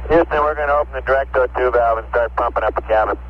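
Calm man over a muffled radio link. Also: medium pitch, racing. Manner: calm, clipped radio procedure with dry humor. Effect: voice heard over a radio link. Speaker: astronaut in a spacecraft. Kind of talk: space-to-ground radio exchange. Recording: muffled lo-fi radio with faint hiss.

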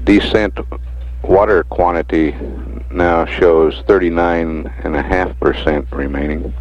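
A man giving measured mission status commentary over a radio transmission, pausing often on fillers. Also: low voice, steady tone. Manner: measured, with frequent hesitant fillers. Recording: muffled archival radio recording.

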